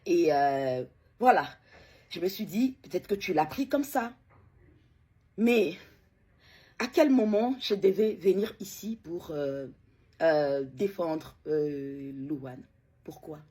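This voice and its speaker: A middle-aged woman who has lost a child gives an emotional personal account in a low, warm, husky voice. She speaks hesitantly, pausing often and repeating words.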